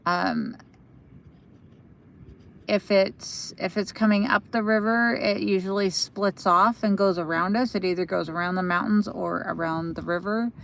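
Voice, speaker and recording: An American woman hosting a casual livestream outdoors, chatting in a halting way and trailing off as she goes. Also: mid-range voice, fairly even intonation, creaky. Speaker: livestream host for a local magazine. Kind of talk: casual live commentary answering viewer comments. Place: outdoors at night by a lake.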